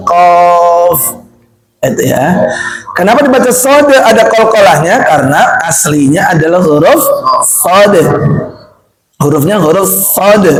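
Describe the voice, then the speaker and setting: A man teaching Quran recitation to a class in with a lilt, patiently quizzing students and drilling letter sounds. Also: high voice. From Indonesia. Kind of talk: classroom tajwid lesson. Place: classroom or mosque hall with a group of students. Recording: echoey room with murmuring group.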